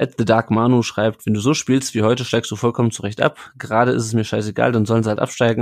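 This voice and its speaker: A man's voice: on the low side, darkish tone. A man hosting a casual football podcast, chatting with his co-hosts and reading listener comments aloud. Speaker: podcast host.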